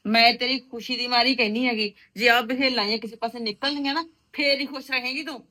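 Woman doing a nosy mouthy village mom, high bright voice, talks fast. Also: steady tone. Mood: sharp, meddling. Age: middle-aged. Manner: sharp-tongued, meddling, stubborn. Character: meddling outspoken middle-aged village mother. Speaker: visiting mother of a married daughter. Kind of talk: rural village drama acting.

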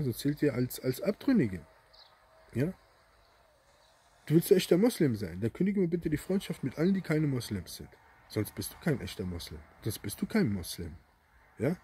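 A man delivering a rambling, emphatic monologue straight to his viewers, tagging his sentences with quick questions. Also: on the high side, dark tone, breathy edge. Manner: emphatic, rambling, constant "ja?" tags. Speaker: online commentator.

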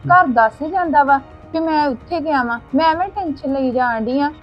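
Woman playing a fretful Punjabi wife, high voice, dull lo-fi sound, faint music. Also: a little fast, close to an everyday voice. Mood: anxious. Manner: anxious, coaxing. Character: anxious young wife, eager daughter-in-law.

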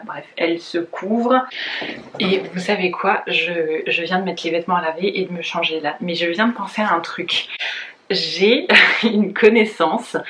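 A young woman from France, chatting candidly in a casual try-on vlog, laughing often and filling pauses. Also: lowish voice, a bit bright. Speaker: fashion vlogger. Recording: echoey room, faint noise.

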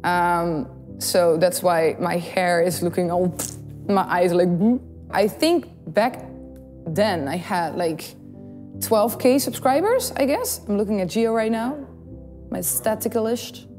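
Fairly low in pitch and slow in pace, a cheerful young vlogger from the Netherlands, a YouTube singer and host with a Dutch accent, chats casually to camera with bubbly, giggly storytelling. A desk condenser mic in her small blue-backdrop studio gives a roomy sound over a soft music bed.

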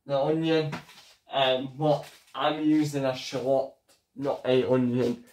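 A young man hosting a casual home cooking vlog, chatty and halting as he talks while cooking in a small kitchen. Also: mid-range voice, little pitch movement, a little mellow, slight background noise. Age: young adult. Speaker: home cooking show host. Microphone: fixed camera across the room. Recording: echoey kitchen, voice from far off.

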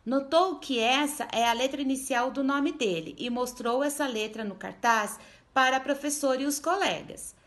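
A Brazilian Portuguese woman with a high voice teaches first graders their letters. She speaks slowly and patiently, sounding out each syllable and often checking that the children are following. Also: fairly bright tone. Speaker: primary school teacher. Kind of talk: remote literacy lesson for first graders.

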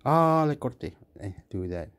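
With a smooth, sing-song, medium-pitched voice, an Australian male vlogger talks unhurriedly over a phone screen recording. His commentary rambles, and he keeps repeating himself and restarting words.

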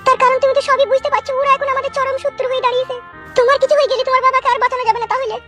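A woman's voice: extremely high pitch, flat delivery, rapid-fire, loud music behind the voice, pitched above the performer's own voice. A woman voicing a worried village mother-in-law who gives anxious warnings in a comedy skit.

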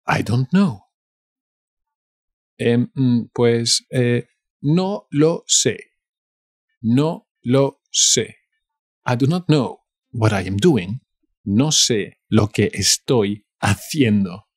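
A man with a Castilian Spanish accent teaching a language lesson, repeating each phrase slowly and explaining grammar in asides. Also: mid-range voice, expressive, no room sound, clean studio sound. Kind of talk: slow bilingual phrase lesson.

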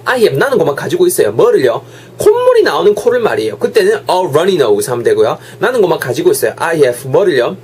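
A young man teaching English phrases in an online lesson, energetic and drilling each phrase by repetition. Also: a little high, brisk, husky.

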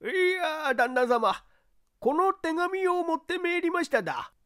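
A woman's voice: extremely high pitch, lively intonation, measured pace, a bit bright, voice pushed up, heavily acted. A woman voicing a simple, earnest old male servant who talks in a thick rural dialect. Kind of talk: audiobook character reading.

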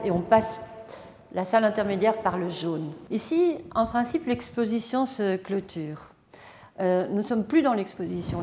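A Belgian artist guides listeners through her exhibition in a spontaneous walkthrough, her voice on the high side with a darkish tone. She sounds reflective and hesitant, full of fillers and restarts, in a reverberant gallery room with faint noise.

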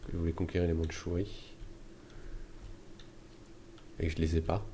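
A man hosting a strategy-game let's play, thinking aloud in trailing mutters and soft asides. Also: low-pitched, flat delivery, normal speed, slight background noise. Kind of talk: gameplay commentary.

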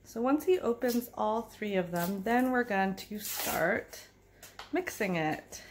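A woman's voice: mid-range voice, animated, takes it slowly, slight background noise. A woman filming and narrating a home cooking video in a kitchen, giving encouraging step-by-step guidance and praise. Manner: encouraging, repeats praise between steps.

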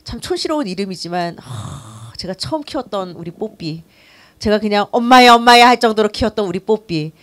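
A woman's voice: mid-range voice, big pitch swings, normal speed. A middle-aged woman pastor teaching a new-member class, telling her own story and acting out her old complaints.

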